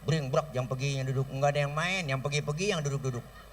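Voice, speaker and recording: A man with a Betawi accent giving a comic sermon from a stage, telling stories lively and mimicking sounds and voices. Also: mid-range voice, quick pace, recorded from a distance. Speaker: preacher. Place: stage at an outdoor school celebration. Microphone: stage microphone through a sound system.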